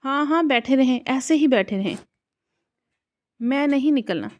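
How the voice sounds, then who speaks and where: A woman's voice: sits high, lively intonation. Woman playing a stubborn, childish young bride. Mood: petulant. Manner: petulant, whiny.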